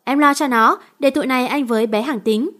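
A woman's voice: fairly high pitch, a little fast, close to an everyday voice. A woman doing a tough young brawler. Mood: commanding.

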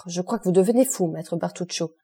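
A woman's voice: medium pitch, moderate pace, dark tone, close to an everyday voice. A woman reading the part of a commanding aristocratic count in an audiobook, imperious, dry and mocking toward his servant. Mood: cool commanding. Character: commanding aristocratic male count, cool and ironic.

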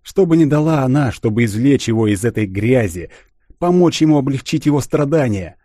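A man reading a literary audiobook in a measured, even way. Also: mid-range voice, dry recording, studio quality. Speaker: audiobook narrator.

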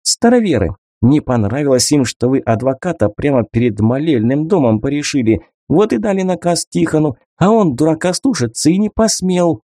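A man's voice: on the high side, lively intonation, moderate pace, few pauses, warm tone, dry recording, clean studio sound, voice pushed up. A man voicing a sly, mocking young woman. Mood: tattling. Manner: mocking, cold, bargaining.

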